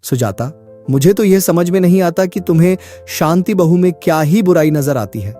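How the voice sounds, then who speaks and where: A man voicing a calm, fair-minded older father-in-law in a cartoon story, who speaks in a gentle, reasoning way. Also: sits high, normal speed, soft background music.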